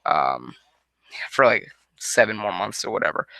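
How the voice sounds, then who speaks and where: His voice sits on the low side, swings widely in pitch, and moves a little slowly, with a creaky, bright, forceful tone and no room sound. He's a nineteen-year-old Connecticut man rambling through viewer questions in a casual monologue, full of restarts and self-corrections, recorded on a headset mic in a small room at home.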